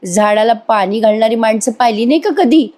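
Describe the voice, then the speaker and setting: A woman voicing a blunt, loud older village woman who talks in a brash, scolding way. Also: on the high side, brisk, close to an everyday voice.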